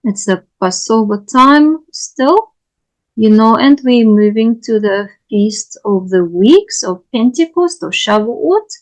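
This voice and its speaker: Slow, halting woman lecturer. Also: on the high side, darkish tone, rough recording. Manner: halting, with frequent fillers and self-corrections; patient, explanatory. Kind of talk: unscripted teaching lecture.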